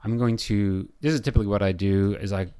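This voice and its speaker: In a software design tutorial, a male building designer thinks aloud, stopping frequently and filling gaps with filler words. His lowish voice is hoarse and scratchy, like he's losing it, though his tone stays steady.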